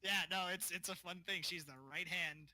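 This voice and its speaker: A man's voice: sits high, steady tone, normal speed, bright, forceful tone, slight background noise, rough recording. A man acting as game master, recapping a tabletop session in a rambling way with many fillers. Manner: rambling, with frequent fillers and restarts.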